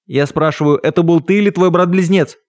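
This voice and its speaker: A man voicing a vengeful, half-bodiless male magician who speaks in a hoarse, menacing tone in an audiobook. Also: a little high, a little fast, darkish tone, no echo, clean studio sound, voice pushed up, natural voice. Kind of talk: audiobook character voice.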